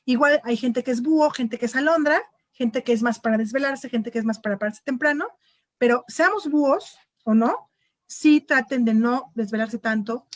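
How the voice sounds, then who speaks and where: A woman's voice: on the high side, moderate pace, no echo. A woman speaking as a parent guest in a casual panel conversation, talking animatedly and acting out scenes between parent and child. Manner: animated, acts out quoted parent and child voices.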